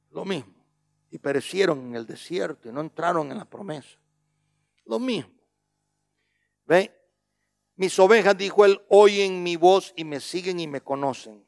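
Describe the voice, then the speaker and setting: A male preacher giving a sermon, who keeps asking "¿ve?", slows down on key words and swings between loud emphatic lines and quiet low asides. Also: creaky. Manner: repeats a questioning "¿ve?" between points.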